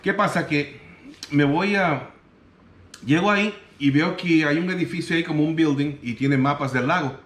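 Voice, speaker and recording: A man from Puerto Rico with a Puerto Rican accent, telling a personal story in an animated way and acting out the other people's lines. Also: on the high side, normal speed, a little hiss or hum. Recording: roomy echo.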